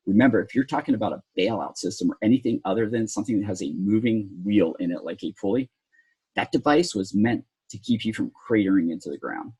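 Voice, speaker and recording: Husky-voiced man teaching rope rescue math. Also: lowish voice, fast, darkish tone, poor audio. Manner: explanatory, talks through calculations step by step with sarcastic asides. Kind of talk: technical lesson at a whiteboard.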